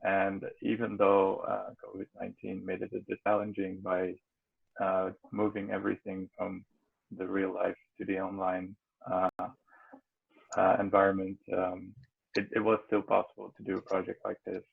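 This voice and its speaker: A male student presenting a project's conclusions in a halting manner with many fillers. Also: sits low, completely flat delivery, gravelly, husky. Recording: tinny phone-like audio.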